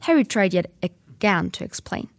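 A woman's voice: mid-range voice, animated, moderate pace, dry recording. Woman reading a story, dry close sound.

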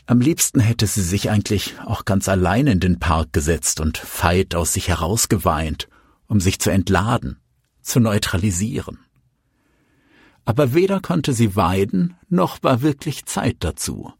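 A man reading a novel aloud as an audiobook narrator, measured and expressive. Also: on the low side, husky, dry recording, studio quality. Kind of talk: scripted narration.

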